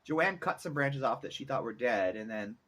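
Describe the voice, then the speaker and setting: A man's voice: mid-range voice, lively intonation, normal speed, a bit bright. A middle-aged man talking casually in a vlog, rambling and thinking aloud as he goes. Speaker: vlogger, musician. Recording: noticeable background noise, ambience.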